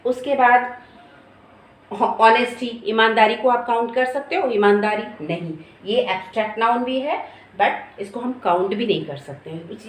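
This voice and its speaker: A woman teacher giving a lecture, explaining slowly with questions and repeated examples. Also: medium pitch, echoey room, rough recording. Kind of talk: classroom lecture.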